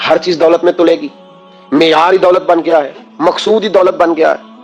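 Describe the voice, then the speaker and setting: A man's voice: on the high side, steady tone, highs cut off, faint music behind. A man preaching an emotional sermon, impassioned, firing rhetorical questions at his listeners.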